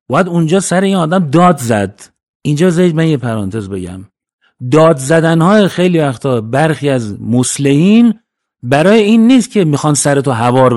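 A man delivering a religious lecture, moving between emphatic raised passages and low quiet asides, and slowing down to recite scripture. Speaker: preacher.

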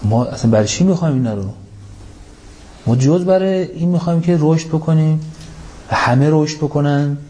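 A man's voice: a little high, pauses often, warm tone, a little hiss or hum. A man giving a Quran commentary sermon, asking rhetorical questions and reciting Arabic verses, stressing key points with an emphatic rise. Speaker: religious lecturer.

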